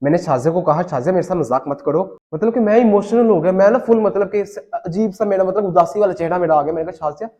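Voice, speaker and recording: Man, high voice, rambling comic storyteller who acts out both sides of the dialogue. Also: fast talker, hardly any pauses, warm tone, slight background noise. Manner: rambling, repeats phrases and fillers, acts out dialogue.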